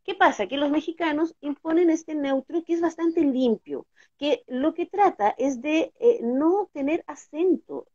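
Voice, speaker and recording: A woman's voice: high voice, unhurried, dark tone. A Chilean woman, a dubbing actress and teacher, explaining her craft in an interview, often checking in with her listener. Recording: dull lo-fi audio.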